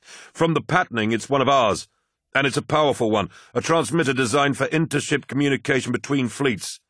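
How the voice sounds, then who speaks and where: A man voicing an excitable starship flight officer who explains things quickly and a little flustered, pitched higher than his own voice. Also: no echo, clean studio sound, natural voice. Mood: urgent.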